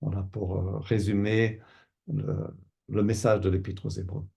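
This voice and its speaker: A man's voice: lowish voice, little pitch movement, a little slow, gravelly, dark tone. An older man from Canada, a pastor and Bible teacher, answering interview questions thoughtfully, with many fillers and restarts. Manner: thoughtful, hesitant with many fillers and repeated words.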